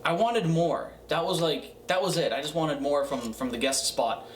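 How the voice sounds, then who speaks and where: A man giving a casual, profane music review in a tipsy, rambling way, halting and repeating himself. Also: a little high. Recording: roomy, distant mic, faint noise.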